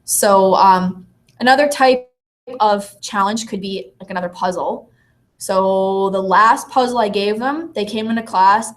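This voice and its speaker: A woman teacher speaking to an audience in a mid-pitched voice, neither high nor low. She tells her classroom stories with lively energy and slips into her students' voices now and then. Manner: lively storytelling, acting out students' lines. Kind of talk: presentation to an audience.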